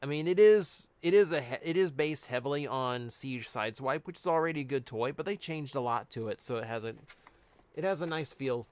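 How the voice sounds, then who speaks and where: A man's voice: mid-range voice, fairly quick. A man chatting casually on a live stream, reading out cards and answering chat. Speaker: streamer opening card packs.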